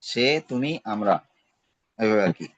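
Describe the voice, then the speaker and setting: A man's voice: fairly low pitch, a little slow, dry recording, highs cut off. A man teaching a class on Arabic grammar, patiently repeating each verb form with its meaning and checking in as he goes. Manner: checks in with "ঠিক আছে". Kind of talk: recorded class lesson.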